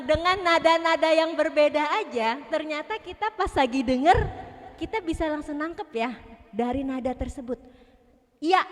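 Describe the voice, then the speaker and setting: Middle-aged woman giving a playful youth church talk, high voice, long hall echo. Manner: chatty, playful, laughs often, talks to the audience. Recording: reverberant hall.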